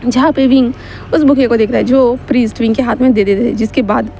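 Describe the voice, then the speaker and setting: A woman's voice: fairly high pitch, steady tone, fast, vocal fry, dark tone, faint music behind. A woman narrating fan fiction in a casual, chatty retelling with frequent fillers.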